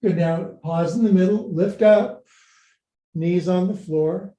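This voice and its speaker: A middle-aged man with a high-pitched, warm voice takes his time as he leads a live-streamed yoga class. He gives short, clipped commands and counts, mixed with playful, folksy jokes on the side. The room sounds echoey.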